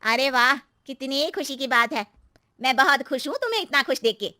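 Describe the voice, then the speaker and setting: A superstitious middle-aged aunty from a cartoon story, voiced by a woman, always quietly warning others. The voice sits high and bright, and it is recorded close and dry. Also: animated, moderate pace, no echo. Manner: warning, knowing tone.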